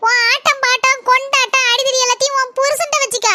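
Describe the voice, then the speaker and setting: Shrill, quarrelsome cartoon wife. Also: female voice, flat delivery, noisy background. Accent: Kanyakumari Tamil. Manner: scolding, quick comebacks. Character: young wife, sharp-tongued and quarrelsome.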